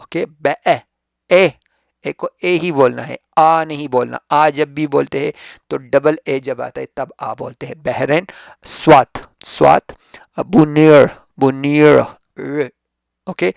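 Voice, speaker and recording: Male tutor, from Pakistan, mid-pitched gravelly voice, patient explainer, dry close-mic lesson recording. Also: no room sound. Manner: explains patiently, reads English sentences slowly and emphatically. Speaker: English teacher. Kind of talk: classroom-style textbook lesson.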